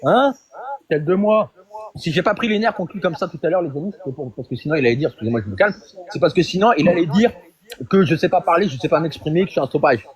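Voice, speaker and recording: High-voiced man ranting on a live stream. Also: lively intonation. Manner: confrontational, accusing, rapid-fire rhetorical questions; repeats phrases for emphasis. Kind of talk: heated live-stream rant.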